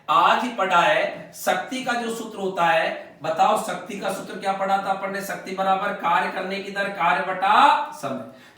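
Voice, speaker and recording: Male physics tutor, high bright voice, self-answering board lecture, roomy echo, mic set back. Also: recorded from a distance. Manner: repeats key questions and answers them himself; drops to a low quiet voice on answers. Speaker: physics teacher. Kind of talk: whiteboard exam-prep lecture. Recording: echoey room, voice off-mic.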